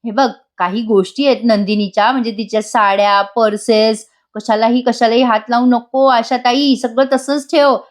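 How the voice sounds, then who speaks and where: A woman's voice: on the high side, steady tone, normal speed, hardly any pauses, lightly acted. A woman voicing a lovesick, earnest young husband in a voice-over retelling of a TV serial scene, speaking in a pleading, affectionate way. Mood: insistent.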